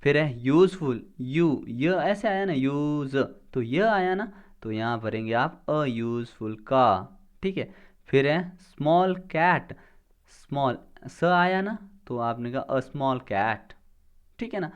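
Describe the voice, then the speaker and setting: A man teaching a grammar lesson for an exam. He explains step by step, asks questions and answers them himself, and sounds out words slowly. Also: medium pitch, expressive, smooth.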